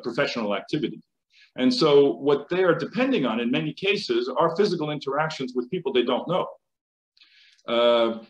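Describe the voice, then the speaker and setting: Joining a conference panel via video call from his home office, an American chemical engineering professor speaks in a medium-pitched voice through dull, roomy audio. He's hesitant, stumbling over fillers and frequently restarting.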